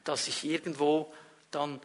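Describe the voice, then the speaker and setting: A man preaching a sermon at a church service, swinging between loud emphasis and hushed, quiet passages, and acting out quoted prayers. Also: on the high side, little pitch movement, a little slow. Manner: acts out quoted prayers and voices.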